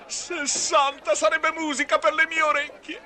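A man's voice: very high-pitched, little pitch movement, a little slow, bright, forceful tone, some chatter behind, exaggerated voice. A man playing a big, blustering, mocking horse-market auctioneer in a theatrical cartoon dub, with a showman's sarcastic patter. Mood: salesman's bluster. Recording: music behind the voice.

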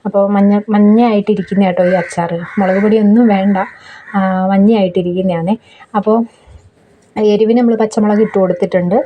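A young woman narrates her home cooking in a quick, chatty voice-over, explaining every step and tossing in little tag questions to her viewers. Her voice sits at a middle pitch. The recording is dull and lo-fi, made outdoors. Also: fairly even intonation, a little hiss or hum. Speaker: cooking vlogger.

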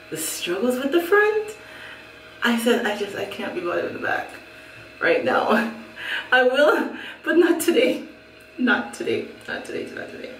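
Chatting casually about a wig, this middle-aged Jamaican hair vlogger laughs a lot and repeats herself. Her voice is fairly high and fairly bright. She's indoors in a small room at home, and the audio is echoey, a bit off mic and distant, with a little hiss or hum.

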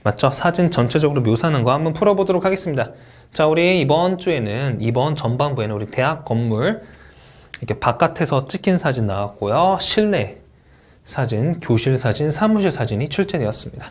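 A man teaching an exam-prep lecture, explaining pronunciation rules in a brisk teacherly way and saying English example words aloud with a Korean accent. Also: a little high, lively intonation. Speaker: test-prep instructor.

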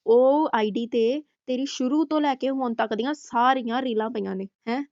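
A woman's voice: on the high side, normal speed, a little mellow, dry recording, dull audio. A woman hosting a roast video, scolding and taunting with pointed rhetorical questions. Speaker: YouTube roast host.

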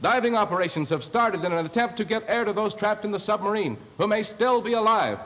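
A newsreader on AM radio. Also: male voice, high voice, expressive, a little fast, pushed and bright. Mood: grave. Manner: crisp, formal news delivery. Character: male radio newsreader giving a news flash. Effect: heard over an AM radio set. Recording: dull 1930s film sound.

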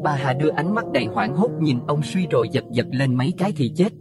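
A man narrating a Buddhist horror audio story in an expressive, dramatic way. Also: a little high, quick pace, over music. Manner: expressive, rising to alarm at scary moments.

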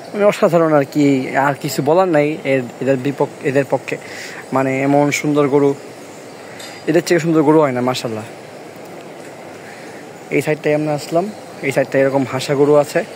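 A young man walking through a large covered cattle shed at night, filming on a handheld phone and excitedly narrating a tour. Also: a little high, slight background noise. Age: young adult. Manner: excited, chatty, gushing over the animals. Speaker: vlogger touring a cattle farm. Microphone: handheld phone camera.

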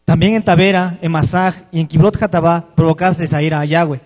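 A man reading scripture aloud in a loud, formal way. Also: on the high side, steady tone, fairly quick, big-room sound. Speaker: scripture reader.

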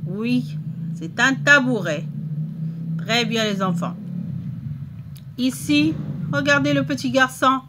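A woman teaching a reading lesson to young children, stretching out words slowly and checking in often. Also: high-pitched, expressive, background noise. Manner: slow, drawn-out word modeling with frequent checks.

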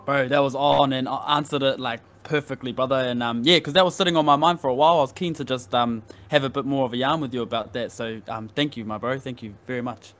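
A man with a broad Kiwi accent talks quickly at a middling pitch. His style is casual, appreciative chat among community members. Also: fairly even intonation, fairly bright tone. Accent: broad New Zealand (Kiwi). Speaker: community member who asked a question.

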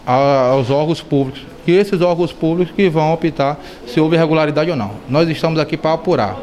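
A man chairing an inquiry committee, answering a reporter calmly with small stumbles in a council chamber. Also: on the high side, quick pace. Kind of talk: press interview.

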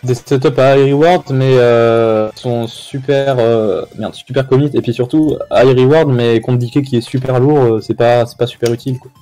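A man's voice: mid-range voice, fairly even intonation, normal speed, hardly any pauses, mellow. A man doing casual esports caster play-by-play, informal, slangy and reactive. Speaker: esports commentator. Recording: faint music behind voice.

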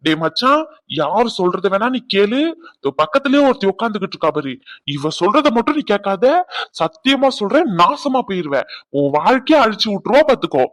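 A man voicing a hot-tempered, blunt husband in a cartoon drama, who scolds loudly and throws insults. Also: sits high, sing-song, a little fast. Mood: scolding.

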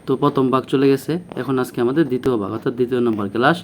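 A man teaching a beginner Arabic lesson, patiently repeating phrases and sounding out each letter slowly. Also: mid-range voice, steady tone, slight background noise. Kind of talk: classroom lesson.

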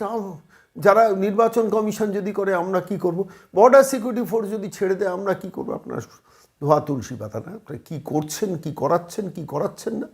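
A man from West Bengal, delivering impassioned political commentary in a hectoring way, firing off rhetorical questions. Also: a little high.

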